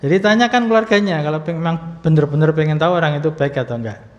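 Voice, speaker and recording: A man's voice: a little high, fast talker. A man teaching Arabic grammar in a religious study lesson, explaining patiently with many fillers and light humor. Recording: muffled recording with long hall reverb.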